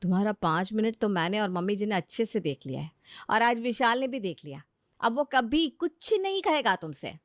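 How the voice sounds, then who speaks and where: A woman voicing a bossy elder sister-in-law who scolds loudly and sharply. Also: medium pitch, very animated, moderate pace, dry recording, studio quality, natural voice. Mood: sarcastic.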